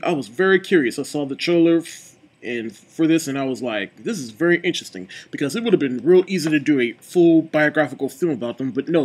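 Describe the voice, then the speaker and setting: A man giving a casual, chatty movie review, with a relaxed delivery full of fillers like "like" and "you know.". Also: fairly high pitch. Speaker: film reviewer.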